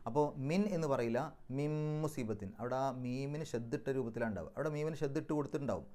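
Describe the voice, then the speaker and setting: A man explaining Quran recitation rules, going step by step and chanting the Arabic words slower and louder. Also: mid-range voice. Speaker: Quran teacher.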